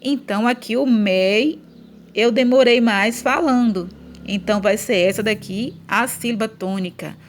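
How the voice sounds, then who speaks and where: A woman's voice: fairly high pitch, a little hiss or hum. Patient Brazilian woman teaching children. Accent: Brazilian Portuguese. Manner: patient, drawn-out syllables when chanting example words. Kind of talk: children's grammar lesson.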